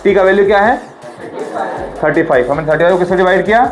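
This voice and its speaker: सवाल दोहराता हुआ हिंदी-अंग्रेज़ी शिक्षक. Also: male voice, sits high, fast, poor audio. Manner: quizzing, repeats questions, drills pronunciation. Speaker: teacher. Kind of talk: classroom lecture.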